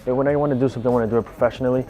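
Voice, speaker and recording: Brisk, earnest man. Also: medium pitch, fairly even intonation, warm tone, faint music behind. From Lawndale, California. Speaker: seminar student. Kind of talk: testimonial interview.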